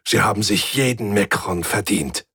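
A man voicing an enthusiastic four-legged alien antique dealer who murmurs slowly and sounds enraptured. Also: on the low side, sharp tone, breathy edge, dry recording, studio quality, full character voice.

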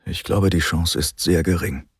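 A man voicing a weary, grieving male general who speaks quietly and heavily in an audiobook. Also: low voice, steady tone, moderate pace, husky, dry recording, studio quality, heavily acted. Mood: gentle. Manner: hushed, quiet and heavy. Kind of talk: audiobook character voice.

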